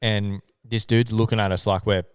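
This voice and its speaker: A young man with an Australian accent tells stories on a podcast in a loose, sweary way. His voice sits low and sounds clean and smooth, recorded dry and close. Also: normal speed, dry recording. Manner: laid-back, swears often, animated when telling stories. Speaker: podcast co-host. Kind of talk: casual storytelling chat.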